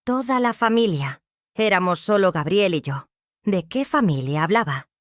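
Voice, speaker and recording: An older woman telling her own story in a measured, emotional first-person narration. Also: medium pitch, expressive, dry recording, clean studio sound.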